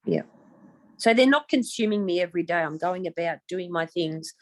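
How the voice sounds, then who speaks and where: A woman's voice: fairly low pitch, animated, normal speed, no room sound. A woman in a support group, talking frankly and bluntly about her own life. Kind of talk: casual group chat.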